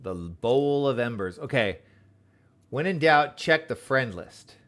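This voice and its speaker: A man streaming a game with casual, excitable commentary, reading the dialogue aloud as he plays. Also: mid-range voice, slow pace. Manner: excitable, exclaims and laughs often; reads on-screen dialogue aloud.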